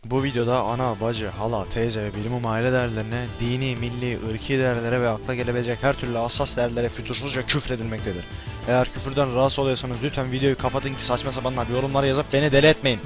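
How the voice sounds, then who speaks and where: A man's voice: mid-range voice, flat delivery, fast. Man, let's-play commentator, casual chat, crude swearing, angry outbursts, game music behind. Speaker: gameplay commentator. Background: game music and sound effects.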